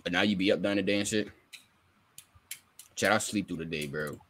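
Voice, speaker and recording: A man's voice: deep voice, brisk, fairly bright tone, slight background noise. A young man in his twenties hosting a podcast, teasing and swearing in loose casual banter. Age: 20s. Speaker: podcast host.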